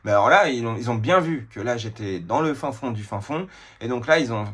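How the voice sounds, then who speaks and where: A man speaking to his viewers in a loose, confiding vlog manner, his voice sitting at an ordinary middle pitch. He hesitates constantly, filling gaps with drawn-out filler sounds and restarting his sentences. He tells his story with open emotion. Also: expressive, a bit bright, husky. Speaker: tarot card reader. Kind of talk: casual spiritual vlog talk.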